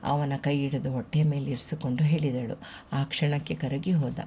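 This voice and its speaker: Mellow, steady audiobook narrator. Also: mid-range voice, normal speed, slight background noise. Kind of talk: scripted narration of a novel.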